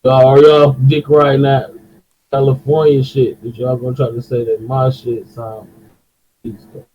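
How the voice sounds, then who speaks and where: A man from Detroit with a Detroit accent, talking in animated slangy chat on a podcast. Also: medium pitch, measured pace. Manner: animated, slangy, repeats himself. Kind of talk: casual chat. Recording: dull lo-fi sound.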